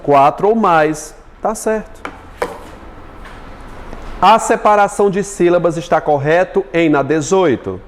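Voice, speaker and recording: Brazilian guy teaching a class, talky and jokey, a bit high, faint hiss behind. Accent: Brazilian Portuguese. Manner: chatty, jokes with students, spells words out slowly. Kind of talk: exam-prep lesson.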